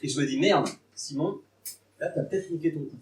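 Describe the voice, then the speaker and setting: His voice a little high and brisk, a young stand-up from Bordeaux, France, is doing his first live set before an audience, nervous and rambling as he mocks himself. A far-off mic captures the echoey, noisy club.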